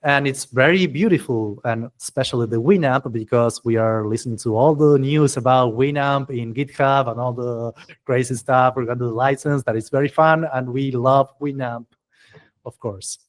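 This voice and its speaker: This meetup presenter is a man with a mid-range voice who talks at a moderate pace. He hosts with chatty enthusiasm in English, his phrasing clearly non-native, and the presentation is casual and informal.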